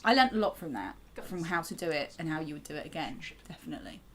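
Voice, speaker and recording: A woman's voice: low voice, big pitch swings, quick pace. A woman chatting casually in an enthusiastic, emphatic way as a writer and director giving commentary.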